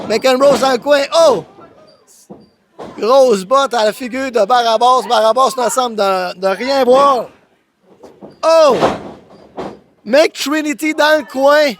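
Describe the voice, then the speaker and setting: A man with a Quebec French accent calls wrestling live as an excited, exclamatory commentator who often raises his voice. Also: very high-pitched, unhurried, hardly any pauses. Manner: exclamatory, often raising voice to a shout. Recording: noisy live event commentary.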